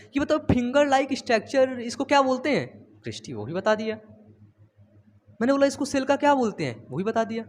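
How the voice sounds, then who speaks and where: Young guy teaching bio from his home studio, high-ish voice, chatty, keeps repeating stuff. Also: big pitch swings, fairly quick. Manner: chatty, teasing students, repeats phrases. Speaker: biology teacher. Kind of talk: casual online lesson.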